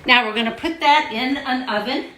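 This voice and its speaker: A woman's voice: high-pitched, normal speed, sharp tone, echoey room, a little hiss or hum, poor audio. A woman co-hosting a home cooking show, explaining each step in a chatty way in her kitchen. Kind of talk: casual cooking demo.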